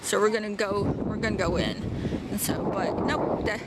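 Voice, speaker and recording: A woman's voice: mid-range voice, steady tone, normal speed. A woman chatting casually as she vlogs outdoors, with wind on the mic. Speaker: vlogger. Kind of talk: casual vlog chat. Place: outdoors in windy weather.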